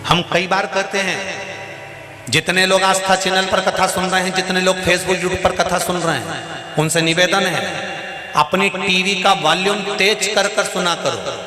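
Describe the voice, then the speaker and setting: A man's voice: high-pitched, fairly even intonation, measured pace. A man, preaching a devotional sermon to a large open-air gathering in a folksy, emphatic way, speaking straight to the crowd. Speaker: religious storyteller. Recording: echoey live PA sound with loud crowd.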